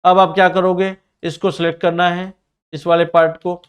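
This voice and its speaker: A man with a slightly high voice walks students through a ring design in CAD software, narrating each click and command as he goes. He explains plainly and directly to his learners, with a Mumbai Hindi accent. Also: level tone, smooth, highs cut off. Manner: says he sometimes talks fast. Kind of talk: screen-recorded software tutorial.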